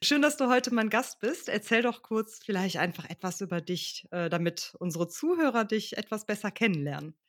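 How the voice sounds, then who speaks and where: A woman hosting a pronunciation podcast and interviewing her student, asking clear questions and laughing often. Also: medium pitch, animated, normal speed, hardly any pauses. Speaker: podcast host and pronunciation teacher. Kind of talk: friendly interview.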